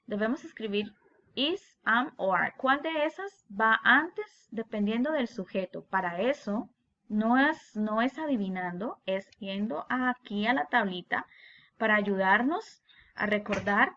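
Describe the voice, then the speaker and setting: Woman, English teacher, slow delivery, bright voice, dull lo-fi audio. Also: mid-range voice. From Colombia. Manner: reads English words, then translates into Spanish. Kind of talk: slow explanatory lesson walkthrough.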